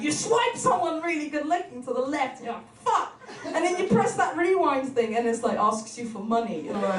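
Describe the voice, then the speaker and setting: A woman's voice: high-pitched, a little hiss or hum. A young woman performing stand-up comedy, telling stories animatedly, acting out voices and laughing often. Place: comedy stage. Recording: roomy venue sound from a distance.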